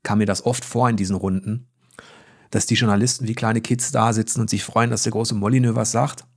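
A man's voice: lowish voice, fairly even intonation, fairly quick, slightly rough. A man, a journalist, speaking frankly and with opinions in a casual conversation.

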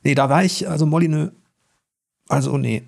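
A man's voice: a little high, normal speed, creaky. A man, a journalist, speaking frankly and with opinions in a casual conversation.

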